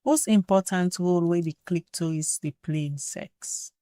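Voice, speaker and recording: A woman's voice: fairly low pitch, normal speed, dark tone, dry recording, clean studio sound. A woman with a West African Pidgin English accent, asking questions as an interviewer in a conversational way.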